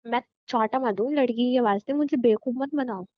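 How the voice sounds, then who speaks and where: A woman's voice: on the high side, fairly quick, natural voice. A woman playing a suspicious young pregnant wife who accuses and interrogates her husband in a scripted phone-call sketch. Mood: accusing. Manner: accusing, insistent, sharp-tongued. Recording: dull lo-fi phone-call sound.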